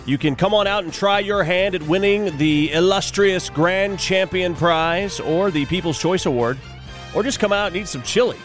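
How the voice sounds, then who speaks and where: Folksy morning show host, high-pitched man. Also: normal speed, faint music behind. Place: radio studio.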